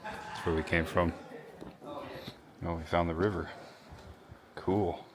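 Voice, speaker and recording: A man's voice: low-pitched, fairly even intonation, measured pace. A man giving casual vlog commentary as he walks through a cave on a tour. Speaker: vlogger on a tour. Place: inside a wet cave. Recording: clear crowd noise in a cave.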